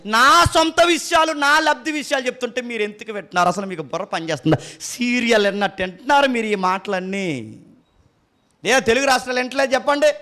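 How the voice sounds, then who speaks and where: A man's voice: extremely high pitch, animated, fast talker, sharp tone. A man preaching a sermon, scolding his congregation with mocking rhetorical questions.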